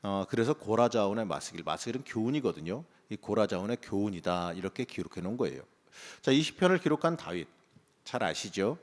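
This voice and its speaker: A man's voice: lowish voice, big pitch swings, brisk. A male pastor preaching a morning sermon, talking in a conversational way and rising into emphatic bursts. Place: church sanctuary. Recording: long church reverb.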